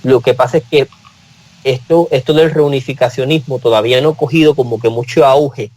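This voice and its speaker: A man's voice: mid-range voice, fairly even intonation, a little fast, darkish tone, low-quality recording. A man with a Puerto Rican accent, speaking as a guest in a casual panel discussion and telling personal stories earnestly. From Puerto Rico.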